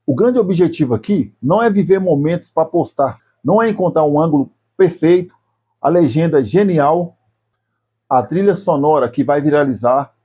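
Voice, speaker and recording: A man with a Brazilian Portuguese accent, his voice somewhat high for a man yet mellow and a little husky. He talks straight to the viewer in a reflective video essay, slow and deliberate, laying out short phrases one at a time. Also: expressive. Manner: speaks slowly and deliberately, addressing the viewer directly in short phrases. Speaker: YouTube channel host.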